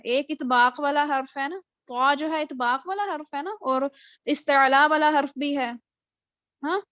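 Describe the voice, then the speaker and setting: A woman teaching Qur'an recitation in a live online class, patiently drilling each letter and spelling words out slowly, syllable by syllable. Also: high voice, pushed and bright, dry recording. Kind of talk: live online tajweed lesson. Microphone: video call. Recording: dull lo-fi video call audio.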